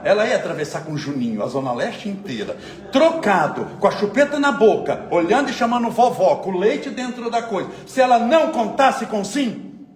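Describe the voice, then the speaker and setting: A man from São gives a spiritist lecture in a high voice, telling everyday stories and posing rhetorical questions to his audience in a lively, conversational way. The room is echoey, with faint ambient noise.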